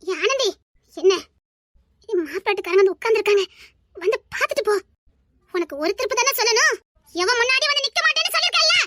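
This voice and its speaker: A performer voicing a stern, sharp-tongued mother in a homemade family drama, with a Tirunelveli accent. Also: extremely high pitch, expressive, fast talker, pauses often, no echo, clean studio sound. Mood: angry scolding. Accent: Tirunelveli Tamil. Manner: harsh, commanding, sharp-tongued. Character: stern scolding middle-aged mother.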